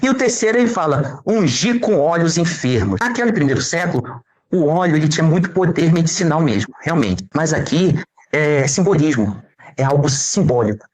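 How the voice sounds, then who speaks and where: Animated Brazilian preacher, husky voice. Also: male voice, on the high side, moderate pace. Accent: Brazilian Portuguese. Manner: animated, rhetorical questions, emphatic. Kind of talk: sermon.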